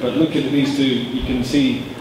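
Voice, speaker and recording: Guy doing a wedding toast speech, halting n joking, far from the mic, crowd in the room. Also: medium pitch, steady tone. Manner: halting, joking delivery with frequent chuckles. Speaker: best man. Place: large reverberant room at wedding reception. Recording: echoey hall, far mic, audience noise. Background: wedding guests chattering and reacting.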